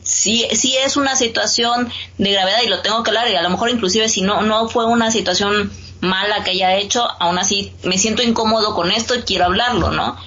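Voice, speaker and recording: Bright-voiced woman thinking aloud. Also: medium pitch, fairly quick, highs cut off. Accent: Mexican Spanish. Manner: thinks aloud with many fillers and restarts, tags with ¿no?. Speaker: podcast co-host. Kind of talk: casual conversation.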